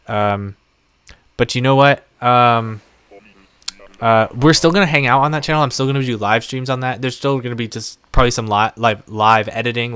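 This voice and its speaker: A young adult man streaming live and chatting off the cuff, rambling from one thought to the next. His voice is smooth and resonant at a middle pitch. He sounds close to a desk mic. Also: no room sound. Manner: chatty, rambling, warm toward viewers. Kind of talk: casual live-stream chat.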